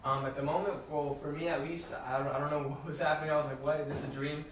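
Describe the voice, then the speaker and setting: A young man of twenty, a band member telling his story in an earnest, animated way. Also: a little high, fast talker. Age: 20s. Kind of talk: casual interview. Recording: echoey, distant, noisy.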